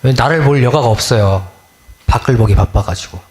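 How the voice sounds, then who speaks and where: A man's voice: mid-range voice, a little fast, darkish tone, slight background noise. A middle-aged man giving a conversational dharma talk as a minister, often questioning his listeners and acting out everyday grumbles. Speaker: Won-Buddhist minister.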